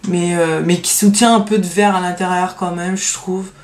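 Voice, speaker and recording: Her voice sits on the low side, steady, slightly mellow and at normal speed, echoing in the room as she shows her favorite nail polishes. The beauty vlogger's casual show-and-tell is hesitant and filler-heavy, with a trailing "donc voilà," but she's excited about her top picks.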